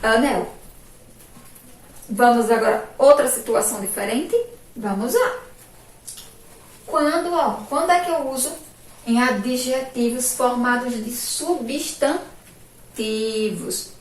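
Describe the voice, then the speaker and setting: Speaking slowly and emphatically to children, a Brazilian woman from Sergipe teaches a remote lesson in a slightly high voice, drawing out syllables and frequently using "ó" and "olha aqui". The sound comes from afar in an echoey room, with faint noise in the background.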